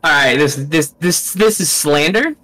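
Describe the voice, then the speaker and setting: A man's voice: on the high side, animated, a little slow, sharp tone. A man chatting casually with friends while streaming a game, laughing often and playing up mock outrage. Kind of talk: casual gaming chat.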